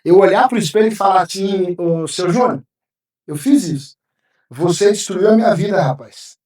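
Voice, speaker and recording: A man's voice: high-pitched, normal speed, darkish tone. Male pastor, heartfelt storyteller, recorded from a distance in a live room. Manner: emotional, vivid storytelling, acting out his own past words. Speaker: pastor, podcast guest. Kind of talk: personal testimony in a podcast interview. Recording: roomy sound, mic at a distance.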